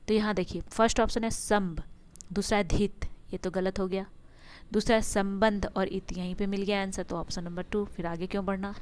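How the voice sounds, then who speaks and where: A woman teacher going through grammar quiz answers. She asks the class questions and then answers them herself, and she stretches words out slowly to stress their sounds. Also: medium pitch, darkish tone.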